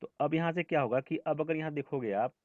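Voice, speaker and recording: A man's voice: fairly high pitch, fast, no echo, muffled recording. A man teaching a math lesson over an online class, explaining step by step and often checking with his students. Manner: explains step by step, asks "ठीक है?" often, scolds students gently.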